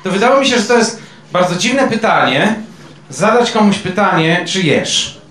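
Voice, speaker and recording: In an echoey room, a male pastor preaches a sermon conversationally, quizzing his congregation with questions. His voice sits high and is expressive and fairly bright, at a moderate pace.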